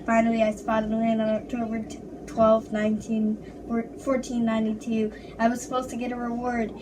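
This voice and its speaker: An unlucky sailor on an exploring voyage, played by a woman, tells his hardships in a halting recital with restarts. The voice sits a little high. It comes from a distant mic with clear background noise. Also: completely flat delivery, lightly acted. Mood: earnest. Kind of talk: first-person history presentation.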